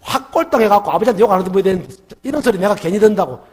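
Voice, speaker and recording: A middle-aged man with a Gyeongsang accent, preaching a Sunday sermon in church and telling a story with lively questions to the congregation. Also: sits high, rapid-fire. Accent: Gyeongsang dialect. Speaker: pastor. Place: church sanctuary.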